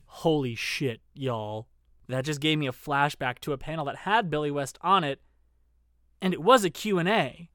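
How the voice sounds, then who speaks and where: A man's voice: fairly high pitch, fairly bright tone, clear, resonant tone, no echo, studio quality. A man telling a rambling, profane story in casual chat, full of fillers and self-deprecating asides.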